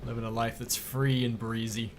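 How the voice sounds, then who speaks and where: A man's voice: mid-range voice, little pitch movement, normal speed, slight background noise. Tired wry man streaming a game. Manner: wry, self-mocking, rambling asides. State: tired, yawning. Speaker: let's play streamer. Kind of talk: casual live gameplay commentary.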